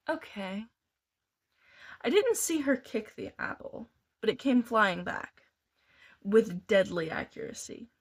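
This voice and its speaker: A woman reads a novel aloud, taking it slowly and deliberately. She now and then goes back to restart a phrase, with her pitch sitting in a middle range. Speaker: reader.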